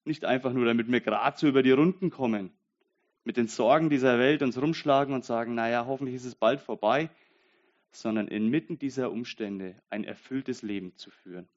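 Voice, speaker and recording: A young man preaching a sermon in an earnest way, dropping to a soft, intimate voice and then rising to loud, emphatic bursts. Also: mid-range voice, a little fast, dull audio. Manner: reads Bible verses aloud.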